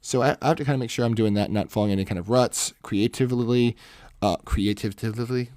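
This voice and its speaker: Hosting an art livestream, a man chats casually with viewers while he sketches, his commanding voice carrying a salesman's edge. He rambles and corrects himself, speaking a little fast at a medium pitch with a slightly mellow tone. He is close to the microphone and there's no echo.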